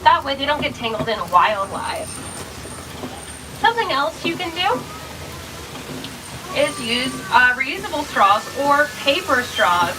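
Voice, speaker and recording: A woman giving a cheerful, scripted safari ride spiel over the ride vehicle's loudspeaker. She calls the riders "friends". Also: high voice, sing-song, a little slow, pauses often, distant mic, background noise. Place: open-air safari truck outdoors.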